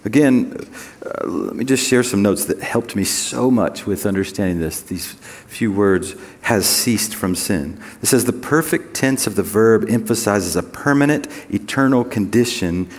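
A man preaching a sermon as pastor, conversational with joking asides, and reading scripture slowly and deliberately. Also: fairly low pitch, animated, big-room sound.

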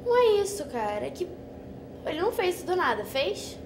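A woman's voice: extremely high pitch, very animated, fairly quick, full character voice. An actress playing a teen girl coaxing her friend to open up, in casual slang. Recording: echoey room with clear noise.

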